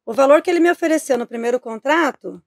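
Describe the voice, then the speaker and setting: Fast-talking, gravelly Brazilian woman. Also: high-pitched, no echo, studio quality. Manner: animated, blunt, swears freely. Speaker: podcast guest. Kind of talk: casual storytelling chat.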